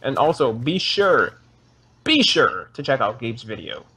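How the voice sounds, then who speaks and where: A man's voice: medium pitch, big pitch swings, a little slow, sharp tone, slightly rough. A teenage boy hosting a casual game session with a friend, chatting, joking and asking viewers for likes. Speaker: gaming channel host.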